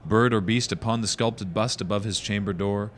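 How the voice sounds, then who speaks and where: A man's voice: on the low side, steady tone, normal speed. A man giving a dramatic poetry reading with the hammy, declamatory delivery of a stage actor.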